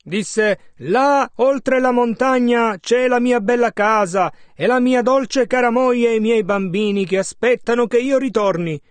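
A man interpreting a sermon, measured and following the preacher's emphasis. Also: very high-pitched, no echo.

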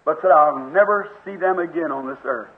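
A man preaching a sermon, telling a story with slow, dramatic emphasis. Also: a little high. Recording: tinny, echoey old recording.

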